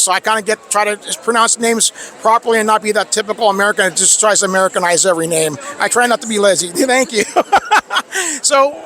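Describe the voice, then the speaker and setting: A man working as a sports reporter, asking halting, chatty questions outdoors at a media day. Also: high-pitched, pushed and bright. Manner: halting, chatty, laughs often. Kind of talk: press interview questions.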